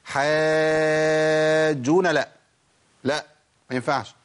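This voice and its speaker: A man with an Egyptian accent teaching Quran recitation on a program, asking himself questions and answering them, and sounding out letters slowly as examples. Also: medium pitch, animated, breathy edge. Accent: Egyptian Arabic. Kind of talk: televised recitation lesson.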